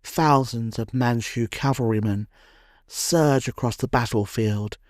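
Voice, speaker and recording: A man narrating a history documentary from a script, in a measured, dramatic storytelling cadence. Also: mid-range voice, darkish tone, no room sound, studio quality.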